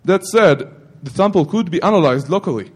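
At a security conference, a middle-aged man gives an informal technical talk that rambles, full of self-corrections and joking asides to the audience. His high, husky voice has lively intonation and a brisk pace.

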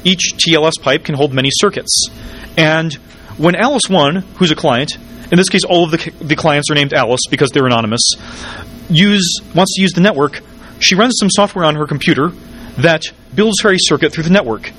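A man giving a technical conference talk, wired on caffeine, hurried and jittery with stumbles and dry, wry asides. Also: fairly high pitch, a bit bright. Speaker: conference speaker.

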